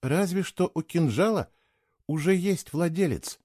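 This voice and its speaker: A man's voice: fairly high pitch, expressive, a little slow, a little mellow, husky, no echo, studio quality, voice pushed up. A man voicing a stubborn, spirited young woman who argues insistently in a raised voice, in an audiobook. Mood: curious.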